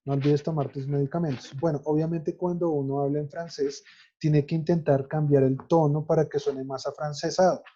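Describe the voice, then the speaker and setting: Male teacher, patient drill-style explainer, dark tone, lo-fi laptop-mic sound. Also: on the high side, steady tone, fairly quick. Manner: methodical, spells out endings letter by letter. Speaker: French teacher. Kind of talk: recorded online grammar lesson.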